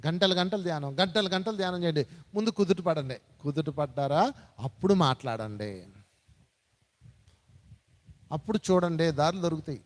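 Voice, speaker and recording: A man's voice: a little high, expressive, normal speed, long pauses. A man giving a spiritual satsang talk, telling stories and repeating phrases for emphasis. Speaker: spiritual speaker. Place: large meditation hall. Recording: reverberant hall.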